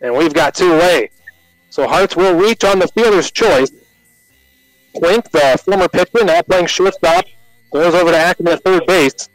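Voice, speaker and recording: A man with an American accent calling live baseball play-by-play on the radio in short, measured announcer phrases. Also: on the high side, no echo, soft background music, rough recording.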